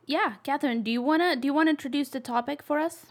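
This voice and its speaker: A woman's voice: high voice, fast talker. A woman co-hosting a podcast, upbeat and enthusiastic in casual chat. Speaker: podcast co-host.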